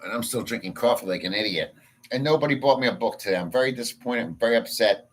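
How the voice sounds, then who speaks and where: Fast-talking and expressive, a man with a medium-pitched voice runs a casual livestream from his rural provincial home. He rambles, rants bluntly and crudely, and responds to chat.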